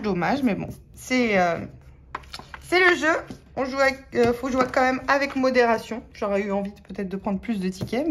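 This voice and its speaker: This scratch-card vlogger, a woman with a French accent, offers chatty commentary to viewers as she scratches tickets and reads out letters one by one. Her voice is a little high, with a bit of hiss or hum in the recording.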